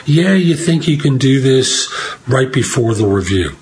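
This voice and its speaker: A man hosting his own career podcast, speaking in a relaxed monologue full of advice and uneven pacing. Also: mid-range voice, a little slow, breathy edge, rough recording. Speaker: podcast host and career advisor.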